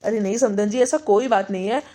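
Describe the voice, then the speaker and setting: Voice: mid-range voice, brisk, warm tone, close to an everyday voice. A performer playing a doting, crafty father in a family skit, soothing his daughter and slyly coaxing her in-laws. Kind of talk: Hindi family skit acting.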